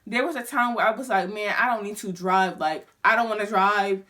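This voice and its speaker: A young woman in her late teens tells a personal story to her viewers in loose, slangy chat. Her pitch sits in the middle range, and her delivery is animated and direct. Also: fairly quick. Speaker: vlogger.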